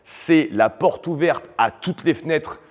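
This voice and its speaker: A man's voice: on the high side, animated, a little slow, long reverb tail. A man working as a nutrition coach, giving a blunt, combative opinion monologue with frequent hesitation fillers.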